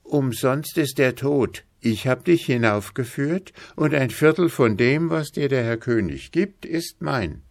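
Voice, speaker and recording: A man's voice: medium pitch, animated, unhurried, creaky, few pauses, no room sound, studio quality, voice pushed up. A man doing a sly, greedy lackey. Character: grasping young palace lackey man.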